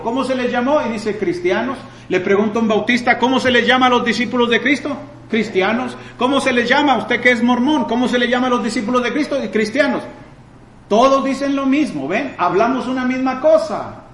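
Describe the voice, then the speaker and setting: A man with a very high voice preaching a sermon in an echoey room. He fires rhetorical questions at his listeners and answers them, swinging between loud emphatic bursts and calmer explaining stretches. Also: a little hiss or hum.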